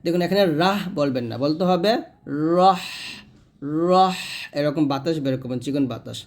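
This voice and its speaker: A man teaching Quran reading, spelling out letters and vowel marks one by one. He gives quick explanations, then recites the verses slowly and drawn out. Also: on the high side, animated, darkish tone. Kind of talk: step-by-step recitation lesson.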